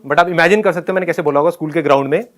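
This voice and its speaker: A man tells a personal school story in an animated way, laughing often and acting out his own lines. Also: on the high side, rapid-fire. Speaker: speaker telling a school story.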